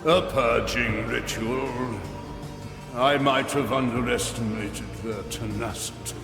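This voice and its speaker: An actor playing an ancient, pompous and bitter soul-mage mentor in a video game, speaking formally in a gravelly voice. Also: male voice, mid-range voice, fairly even intonation. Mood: strained, dry. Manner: pompous, deliberate, formal phrasing. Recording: long cavernous reverb, loud music behind.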